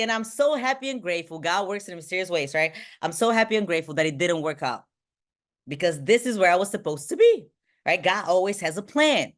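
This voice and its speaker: A Bulgarian woman, a motivational speaker and team trainer, delivers an energetic pep talk to a group over video call. Her voice swings between high and low, and almost every point ends with "right?"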